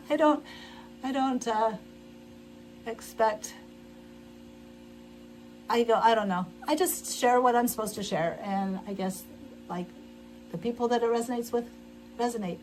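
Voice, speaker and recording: A middle-aged woman hosts a livestream from her home sewing room, chatting casually while she sews. Her voice is a little high and a little mellow, and she speaks at a measured pace with frequent pauses, rambling, restarting often, and laughing. The recording is rough.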